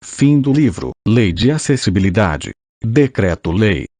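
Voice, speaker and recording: A man's voice: lowish voice, big pitch swings, a little slow, darkish tone, no room sound. A synthetic male voice from an old speech synthesizer with a Brazilian accent, mechanically reading a formal text as an audiobook. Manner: mechanical scripted reading, spelling out punctuation.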